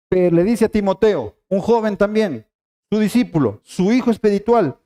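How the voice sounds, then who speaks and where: A man's voice: high voice, mellow. A middle-aged man preaching a sermon, emphatic and repeating key phrases as he speaks straight to the congregation. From Ecuador.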